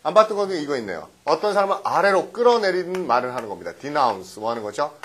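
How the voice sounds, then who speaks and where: A middle-aged man teaching English vocabulary in a recorded lecture, often quizzing his students with quick questions and tag checks. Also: on the high side, sing-song, fairly bright tone. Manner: mixes English words into explanations.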